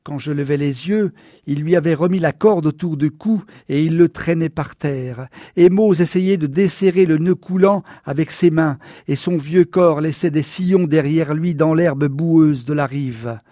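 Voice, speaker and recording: A man reading a novel aloud in the first person, measured and somber. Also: a little high, warm tone, dry recording, clean studio sound. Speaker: audiobook narrator. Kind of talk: scripted first-person narration.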